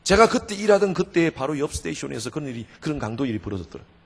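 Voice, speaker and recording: A middle-aged Korean pastor telling a personal testimony in a revival sermon, animated, swinging between loud outbursts and quiet asides. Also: male voice, a little high, racing, vocal fry, slight background noise. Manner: storytelling, animated, with sudden shouts and quiet asides. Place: church sanctuary. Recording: church hall with long reverb.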